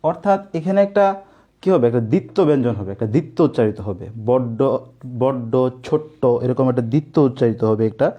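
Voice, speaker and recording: A man's voice: mid-range voice, fast, dark tone. A young man teaching an online coaching class, explaining step by step and asking his students questions, with casual asides.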